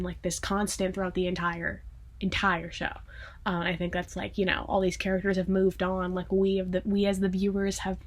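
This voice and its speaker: A young woman vlogging in a casual, rambling way, emotional, with lots of fillers and some swearing. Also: on the low side. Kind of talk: casual chat to camera.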